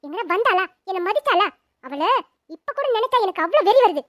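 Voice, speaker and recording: A woman voicing a sharp-tongued old grandmother in a cartoon family drama, with loud and scolding speech. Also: very high voice, lively intonation, very fast, no room sound, clean studio sound, full character voice. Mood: bitter scolding. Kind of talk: cartoon dubbing.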